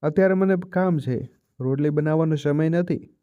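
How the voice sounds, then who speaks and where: A man's voice: a little high, moderate pace, phone-quality sound, lightly acted. A man doing a scolding, harsh daughter-in-law. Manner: sharp, scolding delivery.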